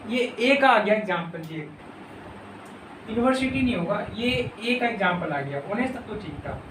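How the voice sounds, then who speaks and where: A man teaching an English grammar lesson in Hindi, repeating words slowly and calling his students children. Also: high-pitched, animated, noisy background. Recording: echoey room, mic at a distance.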